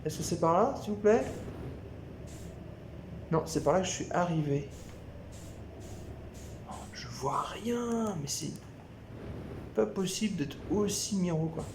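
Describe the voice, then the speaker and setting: A man commenting on his video game as he plays, thinking aloud with excited exclamations. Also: on the high side, normal speed, long pauses, background noise. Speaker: gameplay video host. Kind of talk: live gameplay commentary. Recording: echoey room with game music.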